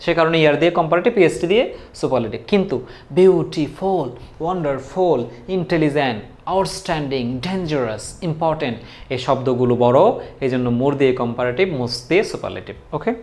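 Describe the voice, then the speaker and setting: A man's voice: mid-range voice, animated, racing. A male teacher giving a casual grammar lesson, repeating key points and quizzing his students. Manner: repetitive, drilling students with questions. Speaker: English teacher.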